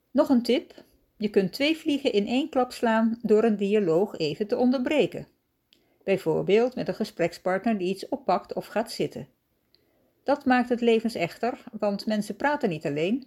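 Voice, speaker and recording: Calm Dutch-speaking woman with a mellow voice. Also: medium pitch. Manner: calm, measured, instructive. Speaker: podcast host giving writing tips. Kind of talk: scripted podcast narration.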